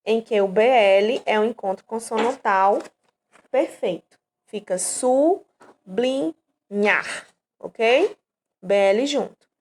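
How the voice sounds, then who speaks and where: A woman's voice: mid-range voice, slow pace, darkish tone, a little hiss or hum. A woman from Brazil teaching an online grammar lesson, explaining patiently and checking in with her students often.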